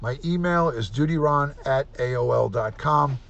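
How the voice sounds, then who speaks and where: A man in his fifties with a gravelly New voice, hosting a live stream in a loose, chatty way. He runs through viewer names one by one and keeps thanking them as he signs off. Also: medium pitch, normal speed, a bit bright, dull audio. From United States. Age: 50s. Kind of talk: casual live stream sign-off.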